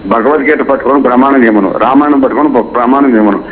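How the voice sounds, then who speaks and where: A man's voice: medium pitch, fast. A male caller from Guntur on a phone-in show, speaking in a fiery, repetitive, moralizing way. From Guntur, Andhra Pradesh. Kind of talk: phone-in call. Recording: dull phone line.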